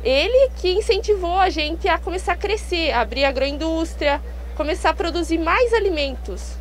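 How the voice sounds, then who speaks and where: A young woman with a southern Brazilian accent and a very high-pitched, animated voice speaks at a normal speed, answering conversationally as an interview guest. A face mask muffles her slightly as she talks into a handheld microphone outdoors at a fair in a park. Background noise and hum are clearly audible.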